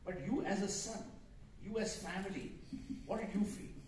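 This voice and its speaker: A middle-aged man moderating a stage conversation, asking articulate, measured questions into a handheld mic. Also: sits high, a little mellow, slight background noise. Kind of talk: live stage interview. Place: large auditorium stage. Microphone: handheld mic, recorded from the audience. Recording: echoey hall, from far off.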